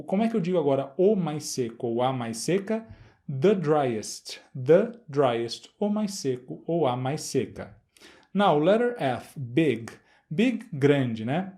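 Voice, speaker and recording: A middle-aged man with a Brazilian Portuguese accent, explaining an English grammar exercise as a teacher, repeating words slowly and checking in with the class. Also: a little high, warm tone.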